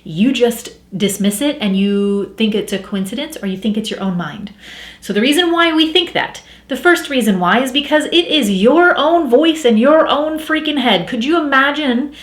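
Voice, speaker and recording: A woman's voice: high-pitched, animated, normal speed. Woman, spiritual coach, casual chatty teaching talk, echoey room. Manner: chatty, acts out inner voices.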